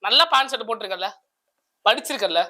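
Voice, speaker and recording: A cricket fan being interviewed on the street, scolding the interviewer in an exasperated way and often shouting back. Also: medium pitch, quick pace. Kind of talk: heated street interview banter.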